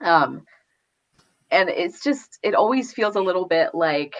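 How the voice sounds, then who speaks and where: A book discussion host with a lowish, animated voice chats casually about books, talking a little slowly in a rambling, conversational, giggly way. The recording has its highs cut off.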